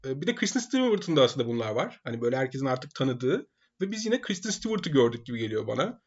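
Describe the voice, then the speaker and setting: Fast-talking man co-hosting a film podcast. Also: medium pitch, very animated, slightly rough, highs cut off. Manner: opinionated, rapid, teasing. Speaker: podcast co-host. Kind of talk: casual film chat.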